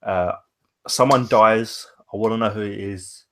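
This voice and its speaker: A man's voice: on the low side, fairly even intonation, a little slow, a bit bright. A man hosting a podcast in a casual, conversational style. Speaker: podcast host. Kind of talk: casual chat.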